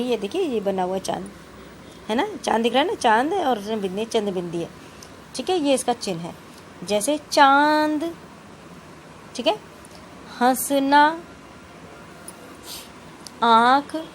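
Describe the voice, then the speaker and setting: A woman's voice: a little high, a little hiss or hum. A woman teaching young pupils in an online lesson, patiently explaining step by step and addressing them fondly. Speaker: school teacher.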